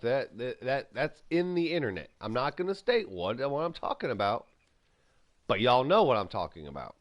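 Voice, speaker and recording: Animated ranting man, gaming commentary. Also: on the high side. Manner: rambling, opinionated, animated ranting. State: eating while talking. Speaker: gaming channel host. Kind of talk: casual gameplay commentary.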